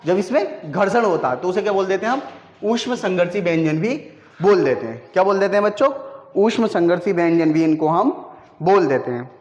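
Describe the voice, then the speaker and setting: High-voiced man teaching in an echoey room. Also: expressive, brisk, darkish tone. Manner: repeats questions to students and answers them himself. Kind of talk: classroom lesson. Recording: echoey room, dull lo-fi sound.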